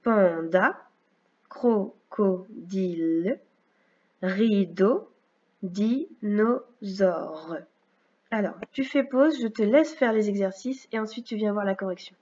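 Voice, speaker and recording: A woman teacher walks a young child through a phonics lesson in a recorded video. She speaks slowly and clearly, patiently stretching out each sound. The recording is dull and a little lo-fi, like a home computer capture. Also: fairly high pitch, warm tone. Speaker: first-grade teacher.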